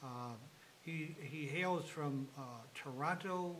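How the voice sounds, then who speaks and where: A male host of a talk show who speaks in a friendly, rambling and halting way while interviewing a guest. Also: on the high side, a bit bright, slight background noise, rough recording.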